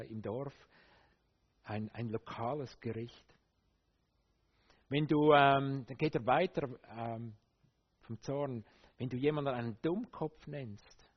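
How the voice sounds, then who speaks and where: A male preacher gives a sermon, switching between calm explanation and lively, direct appeals to his listeners. His voice is a little husky, with many fillers along the way. The recording is slightly dull and lo-fi. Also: medium pitch.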